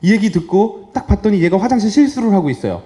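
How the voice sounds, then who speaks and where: A man in his thirties, a veterinarian giving a lively, joking talk to an audience and acting out dogs and owners. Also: sits high, fast. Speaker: veterinarian giving a public lecture. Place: lecture hall with a live audience.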